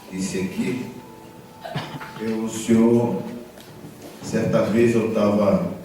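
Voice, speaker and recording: A man preaching a sermon in a church, talking conversationally and telling stories with animated retellings, often checking in with his listeners. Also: on the low side. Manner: conversational, repeats tag questions, animated storytelling. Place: church hall. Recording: echoey church hall from far off, background noise.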